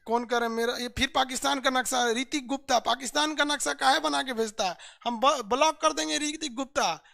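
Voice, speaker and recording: A man teaching geography in an online class, lively and teasing, calling his students "babu". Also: extremely high pitch, a little fast, vocal fry.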